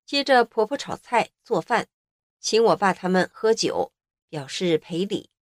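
A woman narrating her own life story in an earnest, expressive way. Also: medium pitch, unhurried, no echo, clean studio sound. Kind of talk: first-person story narration.

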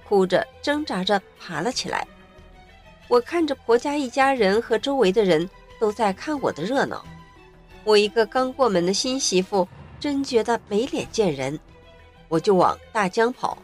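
Expressive woman telling her own story. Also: mid-range voice. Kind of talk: first-person story narration.

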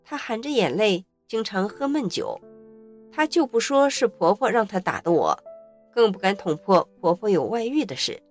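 A woman narrating her own life story in an earnest, expressive way. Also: medium pitch, moderate pace, faint music behind. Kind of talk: first-person story narration.

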